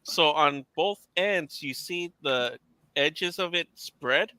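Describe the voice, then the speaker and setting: A man acting as game master, describing a shop and its wares to the players in a relaxed, matter-of-fact way. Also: on the high side, slow pace, smooth, dry recording. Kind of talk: narrating and playing a shopkeeper in a tabletop game.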